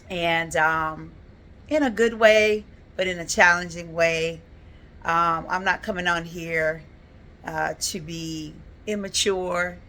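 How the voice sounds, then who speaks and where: Fifties woman vlogging, earnest and reflective, low-ish voice with a forceful edge. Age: 50s. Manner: earnest, reflective, with frequent fillers. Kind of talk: casual personal vlog.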